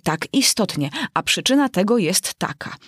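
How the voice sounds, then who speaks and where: A woman's voice: medium pitch, lively intonation, moderate pace, husky, dry recording, studio quality. A woman doing a mournful mock turtle creature. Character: melancholy male mock turtle creature, sighing singer.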